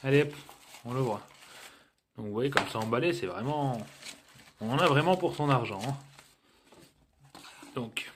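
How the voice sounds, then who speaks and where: A man's voice: medium pitch, measured pace, long pauses, background noise. A man talking casually through an unboxing review of a cheap gadget, joking and filling gaps with hesitations. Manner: chatty and joking, with many fillers. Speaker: tech reviewer.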